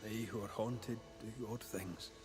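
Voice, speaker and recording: An actor playing a terse, dryly blunt ghost hunter in a game, measured and matter-of-fact. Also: male voice, on the low side, steady tone, natural voice. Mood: intent, investigative. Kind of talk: dramatic game dialogue. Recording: music behind dialogue.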